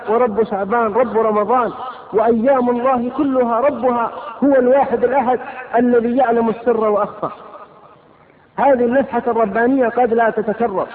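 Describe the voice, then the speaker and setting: A man preaching a sermon, impassioned, rhetorical and scolding. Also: extremely high pitch. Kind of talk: fiery sermon. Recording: lo-fi phone-like sound with hall reverb.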